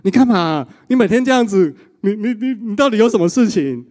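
A man voicing an exasperated middle-aged mother who scolds her son with shrill, nagging questions. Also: very animated, quick pace, long reverb tail.

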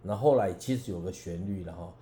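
A man tells his story as a preaching guest on a radio show. His voice is low and very dark and mellow, carried by a roomy echo. He talks in an earnest, halting way, often restarting his phrases. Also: slight background noise. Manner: halting and earnest, many restarts, emphatic rises. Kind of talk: personal testimony in a radio interview.

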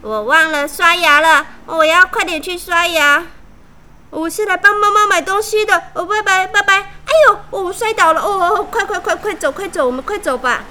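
A woman's voice: extremely high pitch, moderate pace, pushed and bright, pitched above the performer's own voice. A woman voicing nervous little friends who hurriedly make excuses to leave. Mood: flustered. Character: flustered little friends making excuses to flee.

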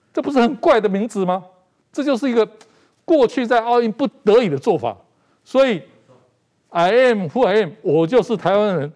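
A man's voice: high-pitched, a little mellow. Emphatic middle-aged Taiwanese Mandarin man. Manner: emphatic, repeats phrases for stress. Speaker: guest commentator. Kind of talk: political talk show commentary. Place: TV studio.

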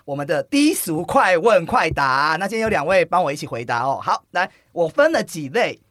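A woman podcast host with a Taiwanese accent speaks in a smoky, husky voice. Her pitch swings widely as she jokes bluntly, and her sibilants blur together. The sound is close and dry. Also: moderate pace, dry recording. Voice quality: blurs retroflex and flat sibilants. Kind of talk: casual chat.

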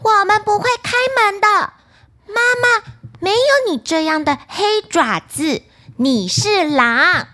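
A woman voicing a group of small young goats, shrill and loud, shouting together. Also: very animated, a little slow, exaggerated voice. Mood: defiant.

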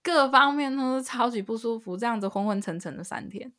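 A woman's voice: on the high side, fairly quick, pushed and bright. A young woman, co-hosting a casual podcast chat and venting in an exasperated, ranting way. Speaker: podcast co-host.

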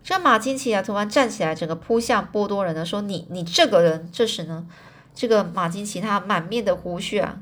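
A woman casually retelling a story, chatty, pausing to explain hard words, with many fillers. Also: mid-range voice, a bit bright.

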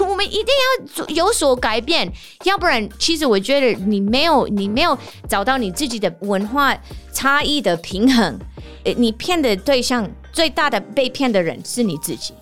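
A woman from the United States, a native English speaker, talks through a casual podcast monologue as host. Her pitch sits fairly high and swings widely while she tells stories, laughing often. Soft music plays faintly underneath. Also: normal speed. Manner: animated storytelling, laughs often. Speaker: teacher and performer.

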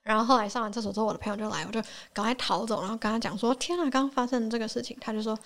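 Brief: young Taiwanese-accented woman, quick-talking guest, brightish voice, lively storyteller. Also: a little high. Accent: Taiwanese Mandarin. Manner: animated storyteller who acts out quoted people. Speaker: podcast guest. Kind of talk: casual chat.

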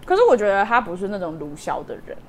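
A young woman co-hosting a podcast, telling a story in casual chat with animated delivery and lots of laughter. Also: medium pitch, quick pace, a little hiss or hum. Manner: animated, laughing, acts out voices in quotes. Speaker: podcast co-host.

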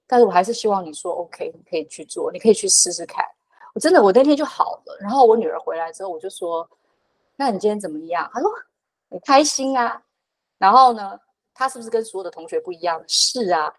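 A woman in her thirties or forties, a podcast guest, telling a personal story in a fast, animated way with many fillers and restarts. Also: medium pitch, poor audio.

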